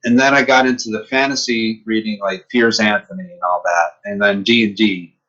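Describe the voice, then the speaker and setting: A man in his fifties from upstate New York chats as a podcast guest, his fairly low voice coming across bright and a little husky. He tells stories in a lively way and acts out the exchanges he recalls. The audio is dull and lo-fi. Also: normal speed. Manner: lively storyteller who acts out quoted exchanges. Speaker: podcast guest, comic book artist. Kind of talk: casual storytelling chat.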